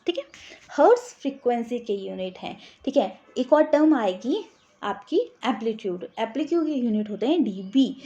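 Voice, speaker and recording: High-voiced woman teaching physics, lo-fi. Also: darkish tone. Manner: explains step by step, keeps asking "samajh aa gaya?" to check. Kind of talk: exam-prep physics lesson.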